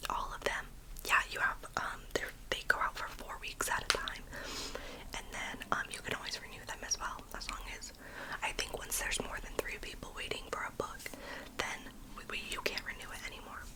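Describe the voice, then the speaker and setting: A woman doing a whispered role-play as a librarian, speaking in a soft, breathy library whisper with a gentle, unhurried manner. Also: low-quality recording. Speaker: librarian in a role-play, recommending and checking out books.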